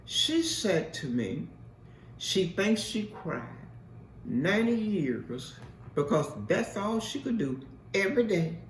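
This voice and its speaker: With a very animated, slow, mid-range voice, a woman host and mentor preaches her testimony emphatically and repetitively. The recording comes from a distance in an echoey room, carrying a little hiss or hum.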